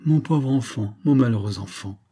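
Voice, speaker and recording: A man's voice: mid-range voice, moderate pace, dark tone, breathy edge. A man reading the part of a scheming middle-aged major, insistent and coaxing.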